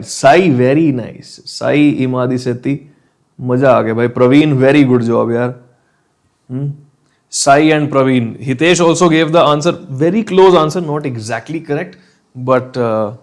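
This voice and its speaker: Indian male online chemistry teacher, medium pitch. Reassuring, conversational with students, drops Hindi phrases into English. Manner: encouraging, reassuring, often checking in with "okay". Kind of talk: live online lesson, talking to students in chat.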